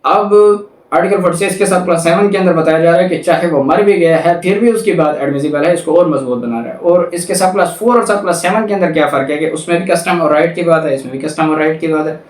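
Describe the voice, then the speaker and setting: A law lecturer with a Pakistani accent reads clauses aloud and explains each one step by step, methodically and repetitively, moving between Urdu and English. His voice is fairly high-pitched and fast. The room is echoey and the microphone sits at a distance.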